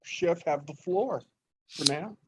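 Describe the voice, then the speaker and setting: A man's voice: fairly high pitch, slow pace, darkish tone, a little hiss or hum. A man hosting a casual online chat show, talking in a drawling, playful way over a video call. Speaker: channel host.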